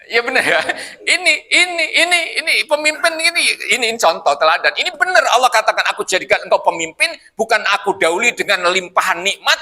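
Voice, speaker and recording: A man's voice: very high-pitched, very animated, moderate pace, pushed and bright. A man preaching a casual evening Quran study sermon in a mosque, joking and putting questions to the congregation. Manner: jokey, asks the congregation questions.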